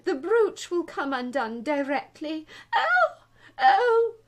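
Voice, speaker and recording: Dotty excitable old queen for a storybook, shrill high voice, unhurried, really theatrical. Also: exaggerated voice. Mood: wailing, distressed. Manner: emphatic, swooping, prone to squeals.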